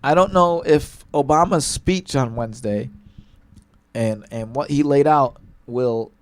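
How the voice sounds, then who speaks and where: A man's voice: mid-range voice, measured pace, no echo. A male talk show host giving an emphatic political commentary monologue, hammering one point again and again and tagging his lines with "all right?" and "okay?".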